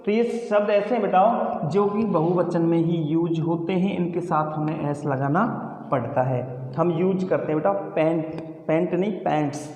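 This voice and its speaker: Teacher, high voice, echoey room. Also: male voice, a little slow, darkish tone. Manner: calls students "beta", asks and repeats answers. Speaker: English teacher. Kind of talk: classroom lesson. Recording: echoey room with long reverb.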